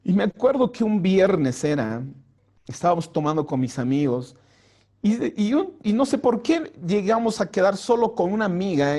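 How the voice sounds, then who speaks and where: Male pastor, personal testimony, high and earnest, raises his voice when he acts out quotes. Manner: drops soft and slow for prayers. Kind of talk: personal testimony to a youth group. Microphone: home mic for an online vigil.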